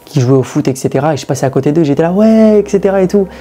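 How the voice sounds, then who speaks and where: A man's voice: a little high, animated, rapid-fire, mellow. A man recounting his impressions to camera, hesitant and full of fillers. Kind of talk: testimonial to camera.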